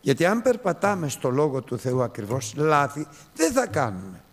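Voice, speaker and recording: A man preaching a sermon, telling a story with swings from soft to loud. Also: a little high, huge pitch swings.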